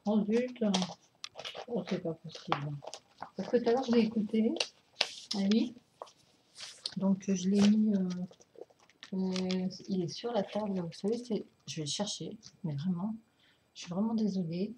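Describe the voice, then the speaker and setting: A woman showing her record collection in a casual vlog, hesitant with many fillers and apologies, excited and laughing often, drifting nearer and farther from the camera mic. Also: medium pitch, unhurried, pauses often, noisy background.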